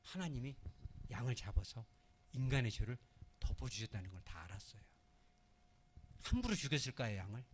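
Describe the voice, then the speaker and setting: A man preaching a sermon as pastor, talking with his congregation, asking questions and answering them himself, moving between loud stressed words and hushed phrases. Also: mid-range voice, big pitch swings, brisk, long pauses, slightly rough. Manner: acts out little scenes in other voices; swings from loud emphasis to soft, hushed phrasing.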